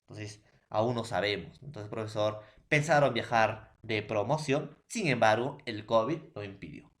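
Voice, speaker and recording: A male secondary school teacher with a Peruvian Spanish accent, giving an online class lecture, asking his students constant check-in questions and stressing key terms. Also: fairly low pitch. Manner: repeats "profesor" and "¿ya, jóvenes?" as verbal tics; emphatic rises on key terms, drawn-out slow words.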